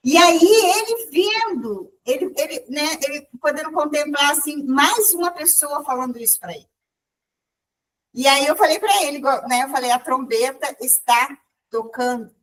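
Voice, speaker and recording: A woman's voice: high-pitched, lively intonation, normal speed, far from the mic, low-quality recording. A woman sharing a spiritual testimony at a group meeting, telling it with many restarts and quoted dialogue.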